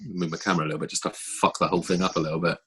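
A man with a husky voice hosting a casual, chatty podcast. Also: sits low, flat delivery, racing, a bit bright. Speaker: podcast host. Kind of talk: casual chat.

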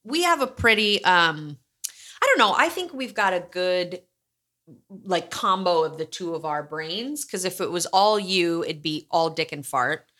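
A woman's voice: fairly low pitch, animated, a little slow, bright, forceful tone. A woman co-hosting a podcast, chatting casually and thinking aloud with a giggly, hesitant manner. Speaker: podcast co-host.

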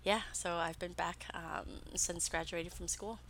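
A woman's voice: fairly low pitch, fairly even intonation, measured pace, vocal fry, a bit bright. A woman in her forties from Vietnam who grew up in Texas, a guest on a podcast, chatting casually, laughing easily and thinking aloud with "um". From Vietnam, raised in Texas. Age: 40s. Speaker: guest optometrist. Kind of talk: casual interview chat.

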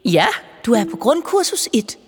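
A woman voicing a stout, matronly little female Christmas elf teacher who speaks in a brisk, formal, brightly bossy way. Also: fairly high pitch, sing-song, slightly rough. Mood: brisk cheerful. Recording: reverberant with faint music.

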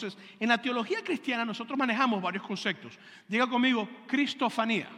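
Brief: male preacher, high and bright, teaching a sermon with call-and-repeat, long church hall reverb. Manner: has the congregation repeat terms and checks they follow. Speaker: pastor.

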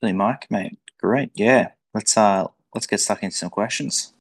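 A man's voice: on the low side, moderate pace, gravelly, husky. A man co-hosting a podcast in casual, laid-back, matey sports chat. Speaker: podcast co-host.

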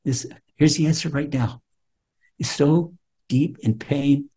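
Husky-voiced rabbi teaching Torah. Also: male voice, a little high, takes it slowly, dark tone. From Israel. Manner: quotes Hebrew text then translates, emphatic. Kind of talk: Torah lesson.

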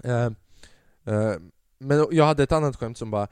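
A young man hosting a solo comedy podcast, telling stories in animated bursts, acting out other people's voices and swearing freely. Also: medium pitch, clear, resonant tone, dry recording. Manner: animated storytelling, acts out his father and others in loud bursts, swears freely. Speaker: podcast host.

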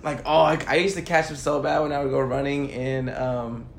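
A man's voice: medium pitch, steady tone, moderate pace, gravelly. A young man co-hosting a casual chat, laid-back and slangy, filling his talk with "like". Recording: echoey room with faint noise.

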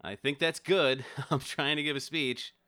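A man's voice: fairly high pitch, steady tone, measured pace, sharp tone, clean tone. A man playing an exasperated groom who stumbles through a thank-you speech and curses. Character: flustered groom giving a speech.

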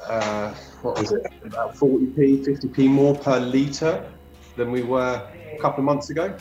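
A man from England, answering a radio host's questions in a measured, hesitant way. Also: medium pitch, fairly even intonation, darkish tone, dull audio, faint music behind. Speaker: caller from England. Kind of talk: phone interview.

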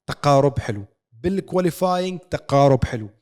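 A man's voice: fairly high pitch, expressive, brisk, darkish tone. A man with a Levantine Arabic accent, co-hosting a podcast with a casual sports recap, told like a story with rhetorical questions. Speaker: podcast co-host.

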